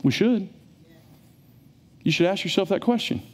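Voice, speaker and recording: A middle-aged man, preaching a sermon in a church in an animated, conversational way. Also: moderate pace, husky. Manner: animated, conversational preaching, rising to emphatic high peaks. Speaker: pastor. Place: church sanctuary.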